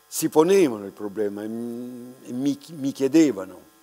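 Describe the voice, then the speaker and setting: An older man, an art restorer, giving an unscripted lecture at a lectern, reflective and unhurried, pausing often and restarting his words. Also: mid-range voice, animated, warm tone. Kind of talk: slow, unscripted lecture to an audience. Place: large dark lecture hall, standing at a lectern. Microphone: lectern microphone. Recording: reverberant lecture hall with mains hum.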